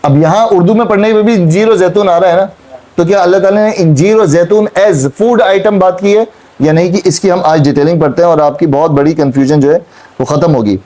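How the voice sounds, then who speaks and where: Male Quran teacher, high mellow voice, questions and repeats. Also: fairly quick. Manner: questioning students, repeating points. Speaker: Islamic teacher. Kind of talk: Quran class explanation. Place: classroom with students.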